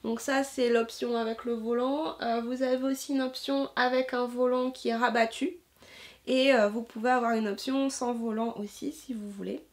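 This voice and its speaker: A woman's voice: on the high side, steady tone, moderate pace. A woman chatting casually about her sewing projects, enthusiastic and full of hesitations, fillers and restarts. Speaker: sewing vlogger. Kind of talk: casual chat.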